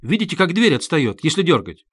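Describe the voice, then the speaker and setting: A man voicing an eager, quick-witted young man who talks in a ringing, lively, urgent way, in a storybook reading. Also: a little high, husky, no room sound, clean studio sound.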